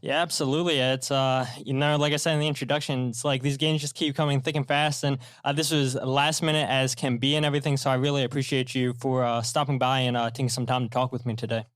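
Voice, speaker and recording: A man from Maryland, USA, hosts a soccer podcast in a chatty, loose style, leaning on fillers like "and everything." His medium-pitched voice is flat, and he talks fast with few pauses. The recording is dry and studio quality.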